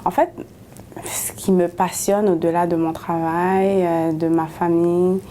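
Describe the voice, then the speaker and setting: A Haitian woman in her 30s, a city councillor, gives personal testimony in an interview in a steady, low voice. She's hesitant, pausing often and restarting with lots of "euh"s, and a faint hum sits in the background.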